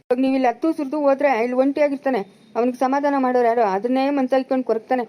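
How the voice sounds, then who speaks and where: A woman's voice: sits high, fairly even intonation, racing, highs cut off, natural voice. A woman playing a bossy village brother-in-law in a family drama, scolding and commanding in a rural Chikkaballapura Kannada accent.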